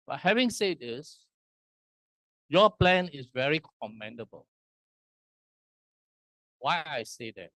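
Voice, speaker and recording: A man from Singapore giving a conference presentation, walking through slides in slow, deliberate short phrases. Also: fairly high pitch, sing-song, a bit bright, no echo. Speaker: conference speaker. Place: conference hall.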